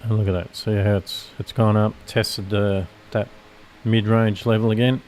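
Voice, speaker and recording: A man's voice: fairly low pitch, level tone, moderate pace, darkish tone, slight background noise. A man with a nasal voice giving casual live commentary on futures trades, rambling and correcting himself as he explains his setups.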